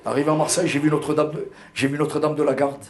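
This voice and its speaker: An older man from Algeria with a pied-noir French accent shares personal memories in an interview. His slightly high, somewhat mellow voice has a flat delivery and a quick pace, and he hesitates and repeats words.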